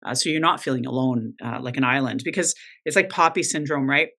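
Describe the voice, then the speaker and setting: Encouraging woman coach, bright voice. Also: very deep voice, fairly quick. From North America. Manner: encouraging, animated, advisory. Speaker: guest, leadership coach. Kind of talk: conversational interview.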